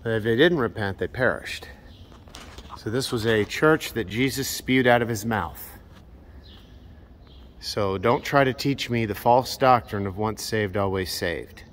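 A man's voice: on the low side, unhurried, a little hiss or hum. A man in his thirties filming himself on a phone at outdoor ruins, preaching earnestly with many filler words. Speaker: preacher vlogger. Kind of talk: outdoor walking vlog with preaching. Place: outdoor ancient ruins, open hillside. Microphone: phone held at arm's length.

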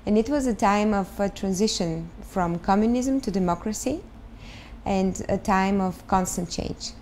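A woman in her thirties speaks English with a Bulgarian accent, her voice sitting in a middle register. She answers interview questions thoughtfully, often pausing with fillers as she searches for words. A faint hiss sits under the living-room recording. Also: mid-range voice, darkish tone. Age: 30s. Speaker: guest, start-up founder.

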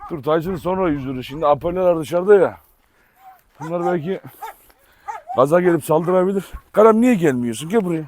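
Man, high voice, casual vlog, coaxing and scolding dogs, faint outdoor noise. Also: lively intonation, a little fast, pauses often, a little mellow. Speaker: dog owner vlogger. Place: outdoors by a pool in a yard.

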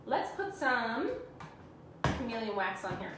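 A Canadian crafts host in her forties, chatty and self-teasing, demonstrates furniture painting live while sitting on the floor of a small room, talking to viewers as she works. She speaks slowly at a fairly high pitch with big pitch swings. The camera stands a few feet away, so the mic is far off, the room echoey, and the audio very noisy.

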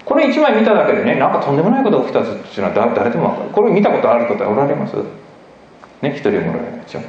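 A man giving an emphatic, animated public lecture with slides, often asking the audience questions. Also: mid-range voice, rapid-fire, slight background noise. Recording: echoey hall, dull lo-fi recording.

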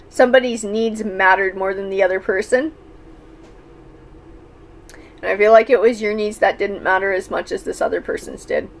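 A woman doing a tarot reading, speaking thoughtfully with frequent fillers and restarts. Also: a little high. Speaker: tarot reader.

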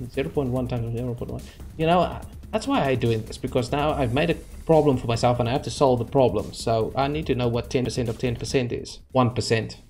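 Young man, let's play commentary, sarcastic, frustrated, mid pitch, desk mic, faint game music behind. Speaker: gaming channel host. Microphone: desk microphone.

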